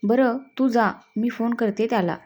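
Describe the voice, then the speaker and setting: A woman's voice: fairly high pitch, moderate pace, a little mellow, lightly acted. A woman reading a stern scolding mother-in-law.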